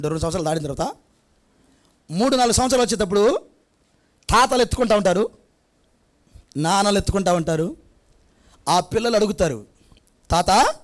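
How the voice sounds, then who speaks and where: A pastor preaches in a church prayer hall, his voice sitting high for a man. He talks to the congregation conversationally, firing rhetorical questions and slipping into little acted scenes. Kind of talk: sermon.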